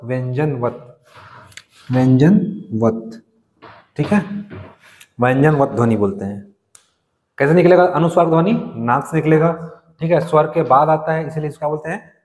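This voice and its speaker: A man's voice: fairly high pitch, darkish tone. Man teaching, asking and answering himself. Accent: Chhattisgarh Hindi. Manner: explains step by step, asks questions and answers them himself. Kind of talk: classroom lecture. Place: coaching classroom. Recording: long reverb.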